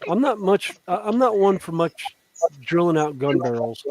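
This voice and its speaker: A man's voice: sits high, very animated, normal speed. A man who builds plastic miniatures, chatting casually in a rambling, self-deprecating way. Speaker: miniature modeler. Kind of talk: casual chat.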